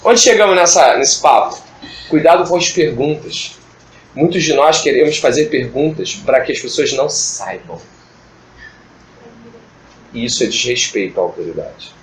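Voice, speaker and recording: A man's voice: medium pitch, lively intonation, normal speed, pauses often. A man leading an informal Bible study, talking in a chatty, joking way and acting out classroom exchanges. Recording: echoey room with background noise.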